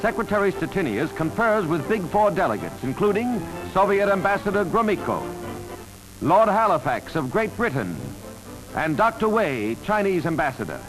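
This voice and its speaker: Male narrator for an old newsreel, brisk and emphatic announcer read, raised pitch, music bed. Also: big pitch swings, low-quality recording. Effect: old newsreel soundtrack. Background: loud music score.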